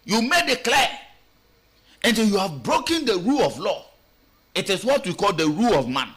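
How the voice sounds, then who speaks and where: Ghanaian male pundit, fairly high bright voice, radio talk show commentary, animated and questioning. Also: moderate pace, husky. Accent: Ghanaian English with Twi. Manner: animated, rhetorical questions, mixing English and Twi. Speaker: political commentator.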